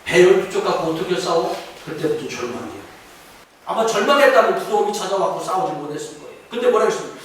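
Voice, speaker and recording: A middle-aged man preaching a sermon as pastor, telling stories and rising to fervent shouts. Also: sits high, animated, fast. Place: church sanctuary. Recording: very echoey hall from far off, faint noise.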